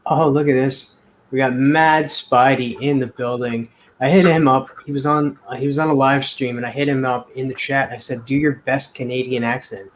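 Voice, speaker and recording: A man's voice: mid-range voice, fairly even intonation, normal speed, poor audio. A man with a mid-range voice rambles through a casual chat on a drawing show, stumbling and restarting as he searches for words. There is a faint hiss behind him. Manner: rambling and hesitant, full of fillers and restarts. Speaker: co-host of a drawing talk show.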